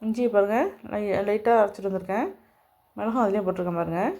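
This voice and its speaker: A cooking channel host with a dark-toned, medium-pitched voice talks fast while demonstrating a home recipe. She explains every step straight to her viewers in a homely manner.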